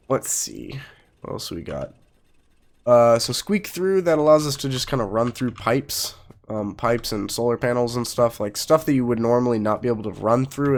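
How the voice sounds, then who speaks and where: Here a man on the mend from a cold talks in a mid-range voice. Hosting his gaming channel, he gives relaxed let's play commentary and wanders through his explanations in an informal way.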